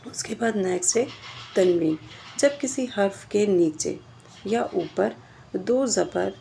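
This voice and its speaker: Woman, teacher, grammar lesson, gravelly voice, asks and answers own questions, faint background noise. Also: medium pitch, mellow. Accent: Indian Urdu.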